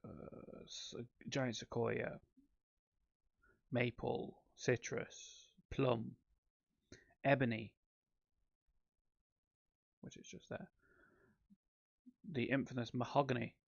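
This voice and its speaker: A man's voice: medium pitch, steady tone, slow, creaky, pauses often, no room sound, dull audio. A man giving casual, rambling commentary on his own gameplay, with frequent ums and self-corrections. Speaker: let's play host.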